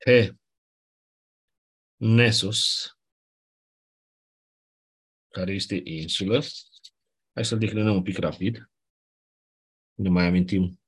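Male teacher, lowish husky voice, patient lecturing delivery. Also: darkish tone. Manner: explanatory, checks understanding with "nu?". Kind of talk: classroom lecture.

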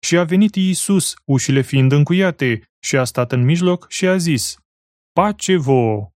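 A man reads scripture aloud in a measured, solemn voice. He pitches a little higher than most men. The recording is close and dry, with no room sound. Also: expressive, darkish tone, no room sound. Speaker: Bible reader. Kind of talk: scripture reading.

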